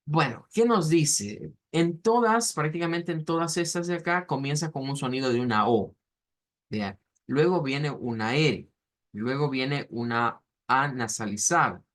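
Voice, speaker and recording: A man teaching a language class, explaining pronunciation slowly and patiently, with frequent fillers and restarts. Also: mid-range voice, fairly bright tone. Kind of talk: online class lecture.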